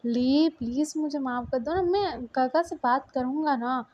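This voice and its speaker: A woman voicing a young man who keeps begging his girlfriend's forgiveness, soft and pleading. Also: high-pitched, a little slow, dull audio. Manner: begging, soft, repeated pleas.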